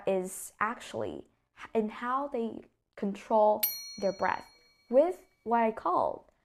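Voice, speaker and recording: A young woman from Vietnam with a Vietnamese accent, a native Vietnamese speaker, explaining English pronunciation in a lesson and stressing key words as she demonstrates. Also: mid-range voice. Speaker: English teacher.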